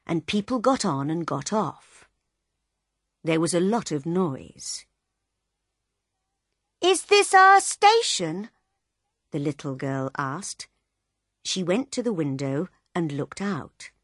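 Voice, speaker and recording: A woman reading a simple story aloud, slowly and clearly, as scripted narration. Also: lowish voice, dry recording, clean studio sound. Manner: slow, clear graded-reader reading.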